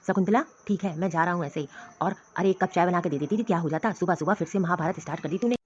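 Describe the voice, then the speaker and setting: A woman's voice: fairly low pitch, fast talker, a little mellow, lo-fi sound, a little hiss or hum, natural voice. A woman voicing a worried, grumbling older father-in-law who runs a shop, in a cartoon story. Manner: grumbling, pleading.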